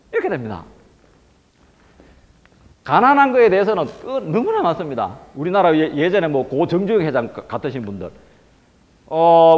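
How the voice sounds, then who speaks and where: High, lively male lecturer quizzing the room. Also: long reverb tail, highs cut off. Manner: keeps quizzing the audience with rhetorical questions. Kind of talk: classroom lecture to teenagers.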